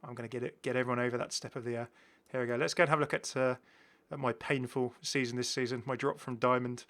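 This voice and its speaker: A gaming channel host shows off game content with casual, chatty and enthusiastic commentary. He speaks fast in a mid-range, fairly bright voice with a steady tone.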